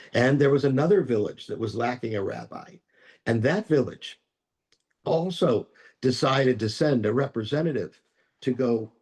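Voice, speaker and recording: A man who is a rabbi, telling a parable in a measured way and slowing down for key lines. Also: medium pitch, darkish tone. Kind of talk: storytelling teaching.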